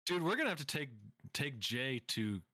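A man's voice: mid-range voice, very animated, normal speed, bright, forceful tone, no echo, studio quality. A man chatting casually as a podcast host, with slangy, swearing bro-talk. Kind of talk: casual chat.

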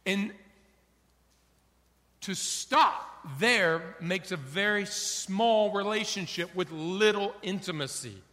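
A man preaching in a reverberant hall, bright voice. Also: high voice. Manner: animated preaching with acted-out dialogue. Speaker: pastor. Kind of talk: sermon. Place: church sanctuary.

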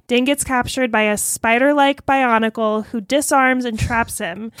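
An upbeat woman co-hosting a casual podcast chat. Her voice is on the high side. It sounds dry and close, as if spoken straight into a podcast mic. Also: no echo. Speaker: podcast co-host.

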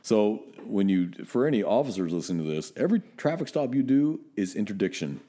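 A man's voice: fairly low pitch, sing-song, brisk, dark tone. A middle-aged man from Northern California, a police officer co-hosting a podcast, telling blunt, profane stories in casual chat.

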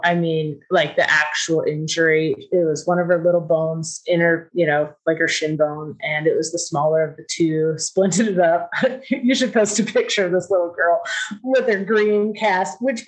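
Poor audio captures a middle-aged woman with a lowish voice relating a personal story in a relaxed, talkative style. She fills her speech with "like" and "you know" and performs quoted dialogue in a raised voice.

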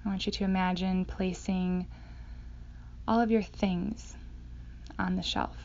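A woman guides a meditation in a slow, hypnotic manner. Her delivery is soothing and very even in pitch, with a creaky edge that turns breathy as phrases trail off. The recording is slightly dull. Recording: dull sound, faint background noise.

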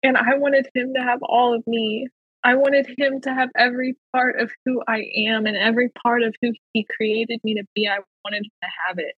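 A woman with a husky, slightly breathy voice tells her personal faith testimony as a podcast guest. She speaks earnestly and slows down to lean on the words that matter. The sound is close and dry, with little room around it. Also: fairly high pitch, fairly even intonation, no echo, narrow, tinny audio. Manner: earnest, slow and emphatic on key phrases.

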